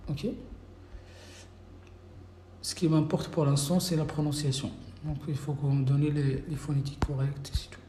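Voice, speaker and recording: A live-streaming Arabic teacher speaks with a slightly high, warm, steady voice at normal speed, pausing often as he patiently reads and corrects viewer names one at a time. His phone picks up an echoey room and faint background noise.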